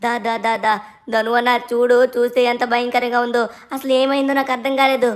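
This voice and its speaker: A woman's voice: a little high, level tone, fairly quick, natural voice. A woman voicing a mischievous little cartoon boy who whines and pleads to skip school. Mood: alarmed excited. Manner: cheeky, whiny pleading.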